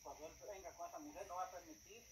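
A man speaking in an urgent, supportive way, with clear background noise. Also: a little high, fairly even intonation, rapid-fire. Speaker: man in a viewed family video. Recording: noisy background.

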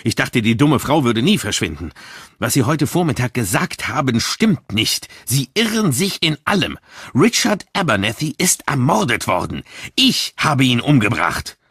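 Guy playing a smug bitter young man, worked up and spiteful, jumpy pitch. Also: moderate pace, slightly rough, dry recording, clean studio sound, heavily acted. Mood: agitated, spiteful. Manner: bitter, self-satisfied, excitable.

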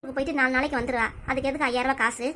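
A woman voicing an aggrieved middle-aged mother in a cartoon comedy, with a southern Tamil accent and rapid, indignant complaining. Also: high voice, flat delivery, bright, forceful tone, a little hiss or hum. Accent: southern Tamil, Tirunelveli.

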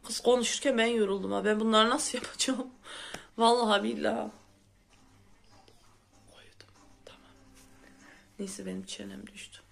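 Chatty sick woman, fairly high voice. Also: steady tone, moderate pace, vocal fry, long pauses. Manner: chatty and exclamatory, complaining. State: sick with a sore throat. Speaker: vlogger host. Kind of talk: casual home vlog chat. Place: at home, indoors.

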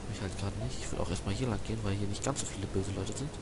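A man's voice: fairly low pitch, fairly even intonation, very fast. A young man giving casual, slangy gaming commentary as a Let's Play host. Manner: colloquial, slangy, mildly swearing. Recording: loud game noise behind the voice. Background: video game ambience.

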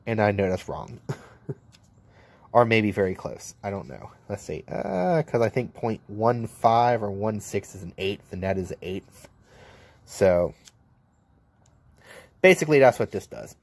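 A man's voice: on the low side, sing-song, unhurried, creaky, long pauses, no echo. Blunt joking welder showing his tools. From United States. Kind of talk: casual hands-on tool demo. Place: outdoor welding table. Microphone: handheld camera mic, filming one-handed.

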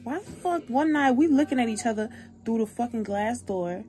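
A woman's voice: on the high side, normal speed. A young woman vlogging, telling a story casually with lots of slang and swearing. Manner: animated, profane, slangy storytelling.

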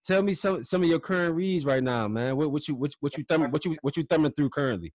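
A man's voice: a little high, darkish tone, no echo. A man hosting a podcast interview, a former college football player who agrees often and asks questions in a casual way. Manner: affirming, quick to agree and laugh along.

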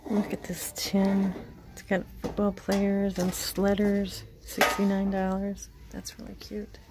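The recording is very noisy, and the woman's medium-pitched voice is completely flat and slow. In her forties, she runs a vintage resale vlog and narrates a casual shop-with-me outing through an antique mall and back to her parked car, half-murmuring prices, all captured on a phone held at arm's length.

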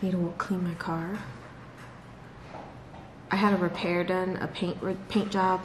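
A woman vlogger chats casually to camera in a large, bright living room at home, laughing often and talking to her dogs. Her voice sits on the low side with little pitch movement and a slightly slow pace. The camera rests on a table close by, and the room is echoey with clear background noise.

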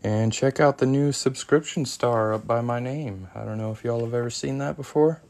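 A man's voice: medium pitch, normal speed, gravelly, a little mellow. A man chatting casually while demonstrating craft work live and answering viewer comments. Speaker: coin ring maker streaming live. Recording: noisy workshop live stream. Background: workshop tool noise, sanding and clicks.

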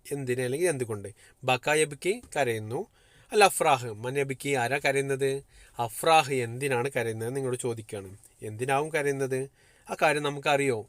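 Teaching primary schoolers Arabic online, a Kerala man in India reads out textbook phrases slowly, then explains them and answers his own questions. He has a medium pitch, and there's no room sound.

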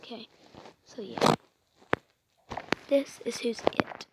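A woman chats through her game in a fairly high voice, often sinking to a tense, hushed whisper. She fills pauses with loose, chatty fillers. A steady hiss and clicks sit behind her. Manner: drops to an anxious whisper while hiding, chatty with many fillers. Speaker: gameplay video host. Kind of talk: casual game commentary.

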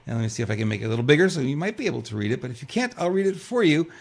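A man's voice: medium pitch, big pitch swings, rapid-fire, creaky, slightly rough. An older man co-hosting a political news talk show, reading news aloud and commenting casually with rhetorical questions and frequent restarts.

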